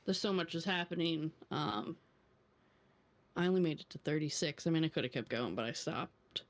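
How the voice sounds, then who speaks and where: A woman's voice: low-pitched, expressive. A woman co-hosting a book podcast, chatting casually and laughing often. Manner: giggly, chatty, quick to laugh. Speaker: podcast co-host. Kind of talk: casual book-club chat.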